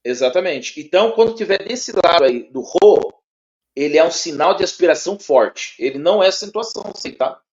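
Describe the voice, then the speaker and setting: Brazilian male tutor, slightly high pitch, stop-start and repetitive delivery, muffled lo-fi audio. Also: animated, a little mellow. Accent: Brazilian Portuguese. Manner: halting, repeats words, checks in often with tags. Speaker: teacher. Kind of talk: one-on-one spoken lesson. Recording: dull lo-fi sound.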